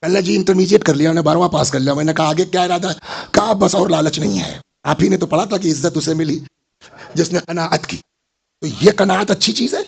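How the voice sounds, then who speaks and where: An older man giving a sermon, telling stories and putting questions to his listeners. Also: on the high side. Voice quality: gravelly, husky voice. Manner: storytelling, asks the audience questions. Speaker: Islamic scholar giving a majlis lecture.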